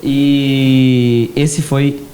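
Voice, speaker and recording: A man's voice: mid-range voice, little pitch movement, drawn-out words, mellow, a little hiss or hum. A man from Brazil hosting a podcast interview, full of enthusiasm and short exclamations. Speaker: podcast host. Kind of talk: casual interview.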